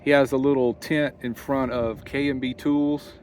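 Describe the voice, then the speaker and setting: Faint wind and highway noise sits behind a man talking outdoors. He has a medium-pitched voice and chats casually as he works through a do-it-yourself job. His manner is folksy, as if thinking out loud. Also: flat delivery, normal speed. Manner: folksy, thinking aloud while working. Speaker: vlogger. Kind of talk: casual do-it-yourself vlog narration. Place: outdoors beside a van near a highway, windy. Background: wind and interstate traffic.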